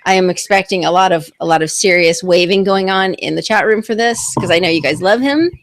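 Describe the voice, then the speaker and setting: A woman's voice: fairly low pitch, a little fast. A woman hosting a live online talk stream, chatting casually and rambling with restarts on a computer mic.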